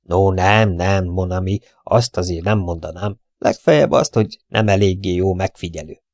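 A man voicing a fastidious middle-aged male detective in an audiobook, lightly mocking and dropping French phrases. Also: deep voice, darkish tone, no room sound, clean studio sound. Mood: teasing. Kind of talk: audiobook character reading.

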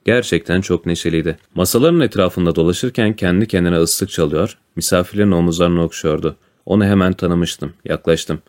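A man reading a classic adventure story aloud as a narrator, in a calm, even storytelling manner. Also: deep voice, brisk, hardly any pauses. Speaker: audiobook narrator. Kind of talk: storybook narration with voiced dialogue.

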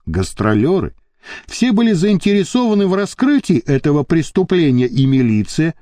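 Brief: male narrator as a wary militia captain in an audiobook, earnest and skeptical, lively intonation, dry sound. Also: on the high side, no echo. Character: doubtful male police captain.

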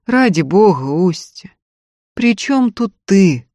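A stern, earnest male doctor, voiced by a woman reader, firm and insistent as he presses his point. He sounds louder and a little higher than the plain narration, and the dry close recording keeps him right at the ear. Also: expressive, a little slow, no room sound. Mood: gentle.

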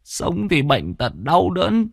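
Scared old village man, stuttery, high shaky voice, dry sound. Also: huge pitch swings, slow, creaky, no room sound, heavily acted. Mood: wailing grief. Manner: stammering, trembling pleas. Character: timid old village man, terrified and grieving.

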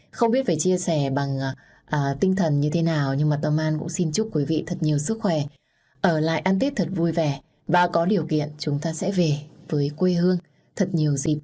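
A woman's voice: sits low, mellow, husky. A woman hosting an audiobook channel, greeting listeners formally with a few fillers before narrating a story.

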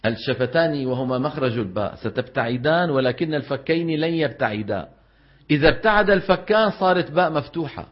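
A man teaching Quran recitation as a classroom lecture, explaining step by step and often asking his students questions. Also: fairly high pitch. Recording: dull lo-fi recording.

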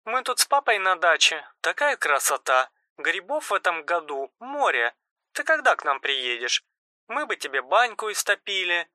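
A man's voice: high-pitched, sing-song, moderate pace, no room sound, clean studio sound, voice pushed up, exaggerated voice. A man reading an audiobook, voicing a chatty, caring mother phoning her grown son. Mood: fond, fussing. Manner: soft, fussing and affectionate. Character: caring, chatty middle-aged mother on phone. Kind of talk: audiobook narration.

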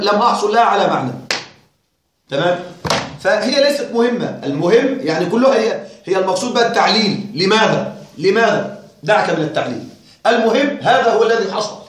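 A male teacher giving a classroom lecture on a grammar text, questioning and wryly puzzled as he talks straight to his students. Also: high-pitched. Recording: very echoey room.

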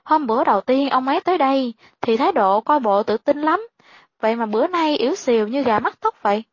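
A curious young servant girl, voiced by a woman narrator who speaks bluntly and quickly. The voice is high-set. The recording is dry and lo-fi. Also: expressive, dry recording. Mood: puzzled.

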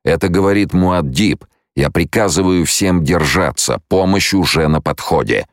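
A man reading a calm, commanding blind prophet. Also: deep voice, moderate pace, no echo, studio quality, pitched above the performer's own voice, lightly acted.

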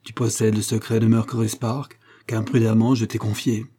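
A man's voice: on the low side, normal speed, warm tone, slightly rough. A man voicing a harsh, domineering older engineer who berates his son in a scornful, raised voice.

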